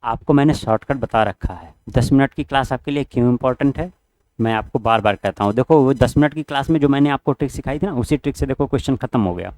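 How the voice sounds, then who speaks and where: A man's voice: mid-range voice, quick pace, darkish tone, no echo. Man teaching exam prep, dry voice. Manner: repetitive, urging students directly. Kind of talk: online exam-prep lesson.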